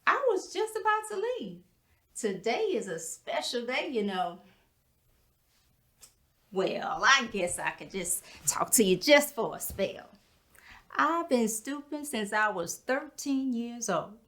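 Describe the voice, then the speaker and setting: A dignified, folksy mother who scrubs other people's floors and holds her head high, as a woman acts her out. She speaks in a fairly high voice and takes her time with every phrase, unhurried and storytelling. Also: a bit bright. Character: proud, hardworking mother who cleans houses, middle-aged woman. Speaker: actor performing a stage monologue. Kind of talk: theatrical monologue.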